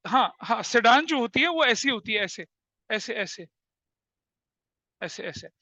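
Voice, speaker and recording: A man with a very high, bright voice lectures a class, switching between Hindi and English. He tells lively anecdotes and laughs at them. The sound is dry and a little dull, like a lo-fi classroom recording. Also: measured pace, dry recording. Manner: lively storyteller, laughs at his own anecdotes. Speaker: commerce teacher.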